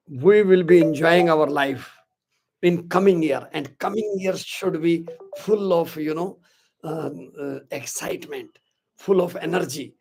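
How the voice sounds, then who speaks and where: Indian man in his sixties, live webinar host, very slow, slightly high voice, upbeat, mixes hindi and english. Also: creaky, darkish tone. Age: 60s. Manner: greets viewers by name, upbeat, repeats "my dear friends". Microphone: live stream to social media.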